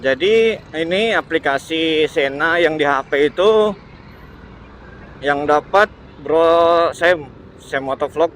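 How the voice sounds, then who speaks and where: While riding a motorbike in traffic, a male motovlogger from Indonesia talks off the cuff, repeating himself and groping for words in a halting manner. His voice leans high, and the recording is low quality. Constant engine, road, and vehicle noise fills the background.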